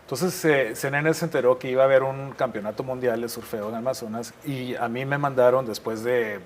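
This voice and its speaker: A man's voice: mid-range voice, fairly even intonation, brisk. A middle-aged man from Guatemala, a war correspondent, being interviewed and telling his stories reflectively, often restarting his sentences. There is faint noise behind him. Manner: reflective storytelling with frequent restarts. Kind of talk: interview conversation.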